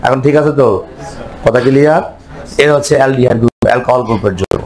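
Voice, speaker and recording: A man's voice: medium pitch, fast talker, a little mellow, low-quality recording. Man lecturing a chemistry class. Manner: quizzes students with repeated questions, answers himself. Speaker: chemistry teacher.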